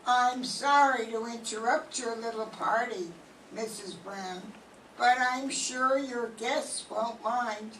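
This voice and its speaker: An older woman playing a calm, methodical police sergeant in a 1940s-style radio mystery, explaining deliberately. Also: on the high side. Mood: stern. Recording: echoey room from far off, faint noise.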